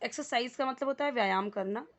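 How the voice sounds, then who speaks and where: A woman with an Indian accent teaching a spoken English lesson, explaining slowly and repeating words and their meanings. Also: fairly high pitch, fairly bright tone.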